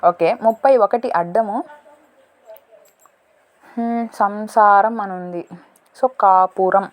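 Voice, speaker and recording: A woman solving a word puzzle in a casual lesson, thinking aloud, slow and deliberate, correcting herself as she goes. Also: mid-range voice, steady tone. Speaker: teacher solving a crossword.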